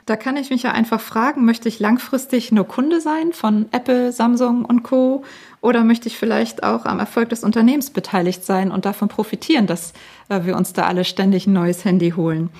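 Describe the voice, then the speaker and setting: A woman's voice: fairly high pitch, steady tone, a little fast, darkish tone, breathy edge. A woman explaining things conversationally as an expert guest and financial adviser.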